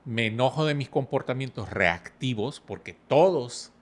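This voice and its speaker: A middle-aged man talks as a podcast guest. He speaks in a calm, measured voice at an ordinary pitch. He unpacks his ideas through personal stories and everyday analogies. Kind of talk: relaxed podcast conversation.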